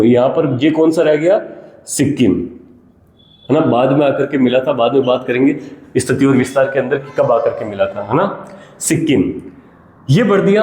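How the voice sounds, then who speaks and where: A man's voice: fairly high pitch, a little mellow. A man teaching a geography lesson in a classroom, quizzing his students and answering his own questions, calling them child. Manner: asks questions and answers them himself, calls listeners child. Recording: echoey room with long reverb.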